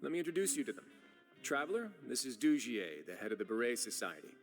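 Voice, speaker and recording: A man playing a composed, dryly polite official who speaks in a measured, formal way. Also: mid-range voice, sing-song, faint music behind, natural voice.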